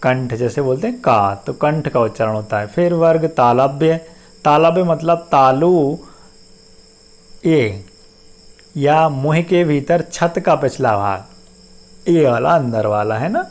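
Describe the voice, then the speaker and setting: A man teaching a class, who explains step by step, repeats each term, sounds out syllables slowly and often asks whether it is clear. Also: fairly high pitch, a little mellow. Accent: Hindi-speaking North Indian. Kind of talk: classroom-style lecture.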